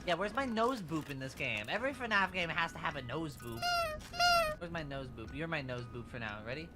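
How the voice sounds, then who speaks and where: A streamer chatting casually on a livestream in an animated, sweary manner. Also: mid-range voice, fairly quick, over loud music. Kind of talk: casual livestream chat and gaming commentary.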